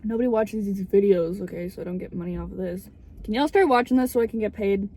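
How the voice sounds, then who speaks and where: This young adult vlogger speaks fast in a mellow, medium-pitched voice while filming a laid-back car vlog. She's candid, somewhat dramatic, and curses a lot, with the car's background noise audible throughout.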